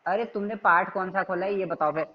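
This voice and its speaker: A man teaching an online class, calmly but firmly correcting his students' reading and repeating himself until they get it right. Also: high-pitched, a little fast, dull audio. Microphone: video call.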